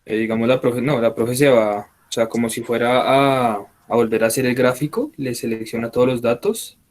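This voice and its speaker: A man's voice: medium pitch, normal speed. A man who is a student, asking his teacher questions in a hesitant, polite way and searching for his words. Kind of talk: asking questions in an online class.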